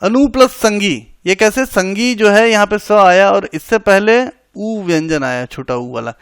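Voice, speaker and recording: A man's voice: high-pitched, measured pace, clear, resonant tone, no room sound, clean studio sound. A man teaching a grammar lesson for exam preparation, explaining each rule step by step, repeating it and checking that students follow, with English words mixed in. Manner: mixes English words into Hindi.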